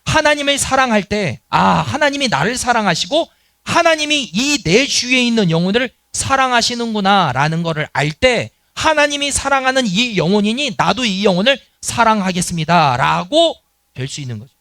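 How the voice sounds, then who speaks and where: A man's voice: sits high, sing-song, normal speed, sharp tone, no room sound. A middle-aged man preaching a sermon as pastor in a church, earnest, and acting out the quoted lines of dialogue. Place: church sanctuary.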